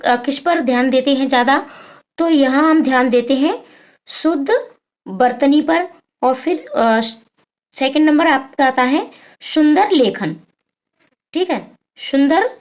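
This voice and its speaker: A high-pitched woman teaches an exam-prep lesson. She poses questions to her students and answers them herself, stopping often on fillers. She keeps the pace of a classroom explainer.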